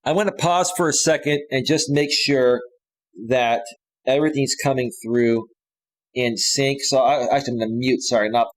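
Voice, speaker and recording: A man in his forties talks off the cuff on his own live stream, looping back and restarting his sentences. His voice sits at an ordinary middle pitch. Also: steady tone, normal speed, poor audio. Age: 40s. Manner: rambling, with frequent restarts and fillers. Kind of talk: casual live stream talk.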